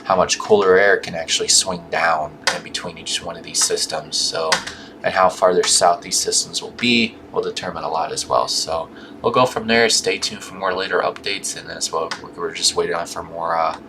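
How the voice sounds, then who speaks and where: A man's voice: low voice, steady tone, normal speed, noisy background. A man giving an informal weather forecast commentary, tripping over words, his speech hampered by a swollen mouth and gums. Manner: stumbles on longer words and restarts them.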